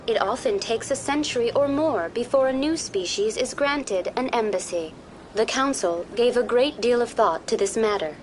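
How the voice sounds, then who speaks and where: A woman voicing a too-smooth female AI guide. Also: on the high side, moderate pace, natural voice. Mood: calm informative. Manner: even, courteous, too-smooth synthetic delivery. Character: smooth, polite female virtual-intelligence information program. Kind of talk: video game voice acting. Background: game music.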